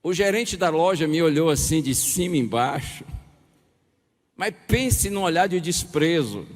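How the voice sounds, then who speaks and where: A middle-aged man preaches to a congregation, spinning a personal anecdote. His slightly high voice swings widely in pitch as he acts out the dialogue. The long reverb of a large hall trails behind every phrase. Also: a little slow. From Bahia, Brazil. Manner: lively anecdotal storytelling with chuckles and acted dialogue. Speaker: pastor. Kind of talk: storytelling sermon. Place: large hall or church with audience.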